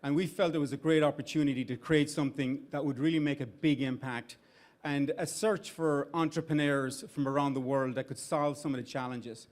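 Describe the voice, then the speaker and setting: This middle-aged Irish man, CEO of an investment firm, gives conversational opening remarks to an audience at an event venue. His voice is fairly high and steady, a little fast, with restarts and fillers along the way.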